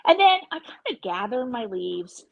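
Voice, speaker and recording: A woman's voice: fairly high pitch, very animated, moderate pace, vocal fry, muffled recording. A woman chef teaching a live virtual cooking class over a video call, chatty and playful in her instructions.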